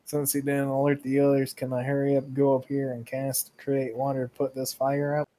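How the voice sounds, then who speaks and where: Flat, matter-of-fact man at the game table. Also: medium pitch, moderate pace, rough recording. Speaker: player. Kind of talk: casual table talk.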